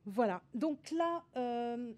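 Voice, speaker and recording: A woman's voice: a little high, lively intonation, very slow, a little mellow. A woman consultant explaining a topic over slides in a webinar, hesitant and full of fillers, with restarts and tags at the ends of her sentences.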